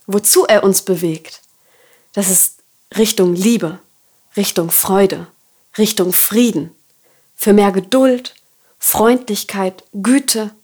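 A woman hosting a podcast, telling a personal faith story and reflecting on it in an earnest, softly confiding way. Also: medium pitch. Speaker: podcast host.

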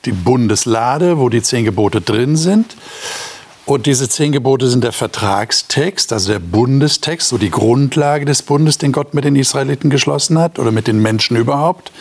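A man's voice: mid-range voice, darkish tone, husky. A man leading a casual Bible discussion, asking questions of the group with frequent hesitant fillers. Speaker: discussion leader.

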